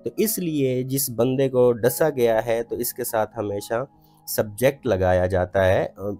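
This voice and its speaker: A man's voice: medium pitch, dark tone. Male teacher explaining grammar, faint music. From Pakistan. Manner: explains in Urdu-Hindi, reads English examples slowly. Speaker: English teacher.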